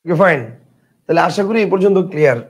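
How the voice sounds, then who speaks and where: A man teaching a grammar lesson, explaining step by step with rhetorical questions, drawing out example words slowly and dropping in English words. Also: high voice.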